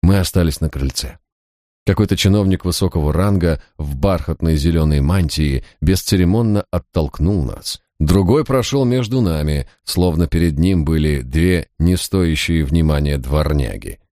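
A man reading a historical novel aloud as a first-person audiobook narrator, in a measured, literary storytelling manner. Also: extremely low pitch, mellow, no echo, studio quality.

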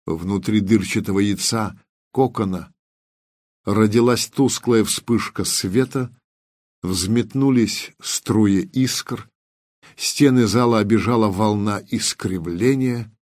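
A man narrates an audiobook at a measured pace, easing down on vivid detail. His voice sits low, and the recording is dry and close with no room sound. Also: a little mellow, dry recording.

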